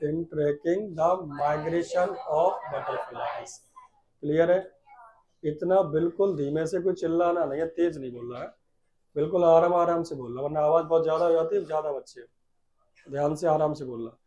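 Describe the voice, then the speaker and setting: A male teacher in a classroom, dictating English lines slowly and urging the students to repeat them. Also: fairly high pitch, mellow, rough recording. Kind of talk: classroom English lesson with Hindi explanation. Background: class of children.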